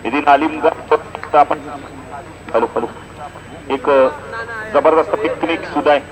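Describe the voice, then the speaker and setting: At an outdoor village cricket ground, a man with a slightly high voice gives live commentary and announcements for a local tournament, speaking a little slowly. The rough recording carries outdoor event sound and a crowd behind him.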